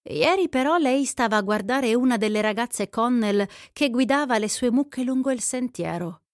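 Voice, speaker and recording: A woman voicing a mysterious young country girl with a soft, teasing, knowing manner. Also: on the high side, expressive, moderate pace, dry recording, clean studio sound, voice pushed up, close to an everyday voice.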